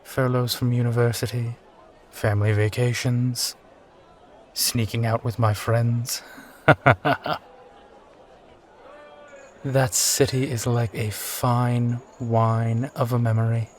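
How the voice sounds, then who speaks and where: A man's voice: medium pitch, level tone, slow pace, pauses often, slight background noise, lightly acted. A man playing a brooding, charming steampunk sky pirate captain and war veteran, talking wistfully and courteously in an immersive roleplay audio. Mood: nostalgic. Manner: wistful, courtly, rambling, given to sighs. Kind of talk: immersive one-sided roleplay audio acting.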